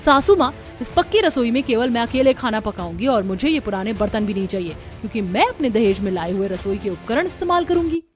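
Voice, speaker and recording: A woman's voice: sits high, normal speed, darkish tone, faint music behind, close to an everyday voice. A woman voicing a spoiled, snobbish rich young bride in a cartoon, haughty and complaining. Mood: bossy.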